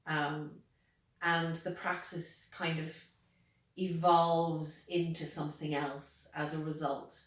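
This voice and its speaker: A woman with an Irish accent giving reflective interview answers in a deliberate, measured, emphatic way. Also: deep voice, flat delivery. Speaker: interviewee, pagan priestess. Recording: very echoey room, distant mic.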